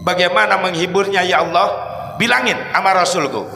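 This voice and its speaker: A man with a Sundanese accent preaching a lively story sermon in a mosque, dramatic and emphatic, rising to shouts at the high points. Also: brisk, gravelly, roomy sound, long reverb tail, slight background noise.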